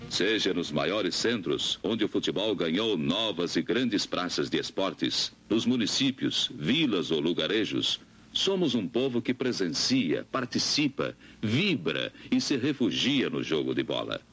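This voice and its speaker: A man's voice: deep voice, big pitch swings, unhurried, fairly bright tone, slightly rough. A man with a Brazilian Portuguese accent narrating an old newsreel in a grand, declamatory way.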